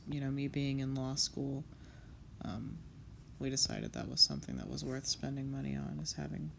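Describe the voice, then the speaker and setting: With a rumbling low voice and vocal fry, a young woman comic artist casually narrates while drawing, muttering curses, sniffling from a cold, and running herself down. The background is noisy.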